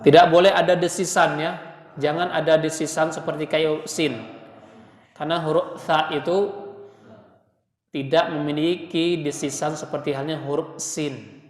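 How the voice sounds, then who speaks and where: A man's voice: fairly high pitch, level tone, moderate pace, long pauses, echoey room, big-room sound. A man teaching Quran pronunciation, patiently demonstrating letter sounds and chanting short words.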